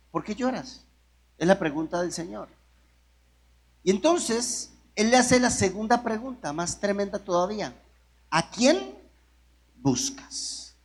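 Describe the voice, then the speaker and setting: A man preaching a sermon in a conversational way, often asking the congregation rhetorical questions. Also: sits high. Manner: conversational, with restarts and jokes.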